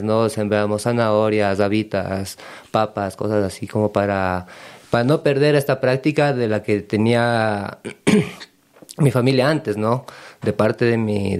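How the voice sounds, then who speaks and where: A man with an Ecuadorian accent, a guest in an interview, speaking in a relaxed and hesitant way with many fillers. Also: lowish voice, smooth. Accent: Ecuadorian Spanish. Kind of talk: casual interview.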